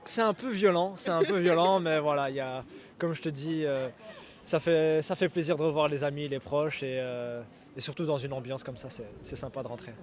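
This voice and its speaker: A man's voice: fairly high pitch, fairly even intonation, a little fast. A man from Brussels answering a street interview in an upbeat, rambling way, full of fillers. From Brussels, Belgium. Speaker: interviewee, visitor.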